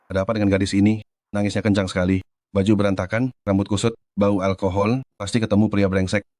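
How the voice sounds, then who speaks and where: An actor playing a blunt, deadpan male taxi driver in a drama. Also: on the low side, fast, no room sound, studio quality, close to an everyday voice.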